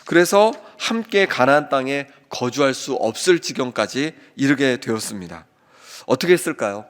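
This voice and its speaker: Korean pastor preaching in a reverberant hall. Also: male voice, medium pitch, expressive. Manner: earnest preaching, slows to read scripture aloud. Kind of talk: sermon. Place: church sanctuary. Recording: long church reverb.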